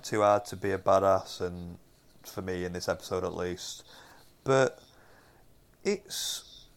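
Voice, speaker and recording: Low, gravelly Northern English man. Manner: rambling, many fillers and restarts. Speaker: podcast co-host. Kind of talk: casual chat reviewing TV episodes.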